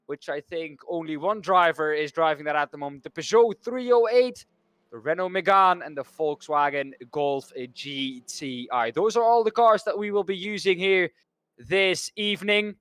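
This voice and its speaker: A man's voice: a little high, moderate pace, a bit bright, no room sound. A man from the Netherlands commentating a sim racing broadcast, rambling and correcting himself as he stumbles over names. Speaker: race commentator.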